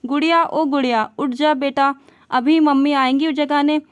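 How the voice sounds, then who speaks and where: A woman's voice: high voice, fairly even intonation, measured pace. A woman reading the lines of an affectionate, playful young husband in a storybook tale. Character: gentle teasing young husband.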